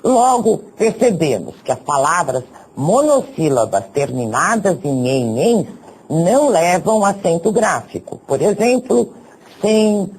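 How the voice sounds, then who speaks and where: Male teacher, husky voice, lively up and down pitch, reads out examples one at a time. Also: rough recording. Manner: deliberate, spells out examples one by one. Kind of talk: recorded grammar lesson.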